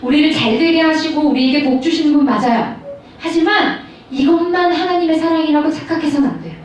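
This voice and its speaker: A woman pastor in her thirties giving a storytelling sermon to high school students, speaking directly to her listeners. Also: a little fast. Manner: storytelling, animated, addresses audience directly. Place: large school hall. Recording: echoey hall, mic far off, faint noise.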